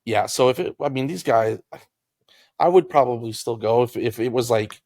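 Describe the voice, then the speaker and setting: A man's voice: medium pitch, normal speed, a little mellow, no room sound. A young man co-hosting a casual podcast chat, jokey and rambling, often trailing off mid-thought. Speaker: podcast co-host.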